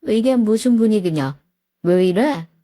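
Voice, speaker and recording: A woman voicing a gruff old father. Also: mid-range voice, lively intonation, measured pace, mellow, no room sound, studio quality. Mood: scolding. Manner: gruff, scolding, plain-spoken. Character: blunt worried old father in his seventies.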